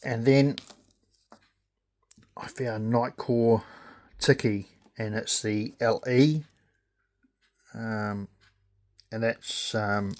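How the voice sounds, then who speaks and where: A man with a New Zealand accent giving a casual, unscripted product review in a halting, hesitant way with pauses. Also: lowish voice, fairly even intonation. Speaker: gadget reviewer.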